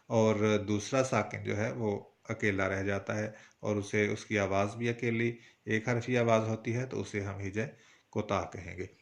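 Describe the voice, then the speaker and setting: A man from Pakistan with a Punjabi accent, teaching Urdu poetry meter in a patient, explanatory way with frequent pauses. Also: on the low side, a bit bright. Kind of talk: spoken lesson on Urdu verse meter.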